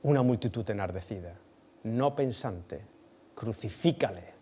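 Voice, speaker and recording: A male preacher retells a scene in a sermon, vivid and expressive with sudden bursts of emphasis. His voice sits at an ordinary pitch for a man. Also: normal speed. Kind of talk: dramatic storytelling sermon.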